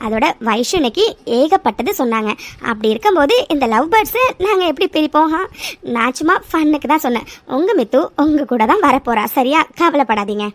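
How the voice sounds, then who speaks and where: A woman's voice: sits high, animated, a little fast. A woman voicing a playful, teasing young woman in a cartoon drama. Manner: teasing, bossy.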